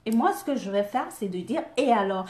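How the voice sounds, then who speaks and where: In an echoey room, a woman with an African French accent hosts a casual live video as a coach, calling viewers by name while laughing and teasing herself. Her voice sits on the high side with a dark tone, lively intonation and a slightly fast pace.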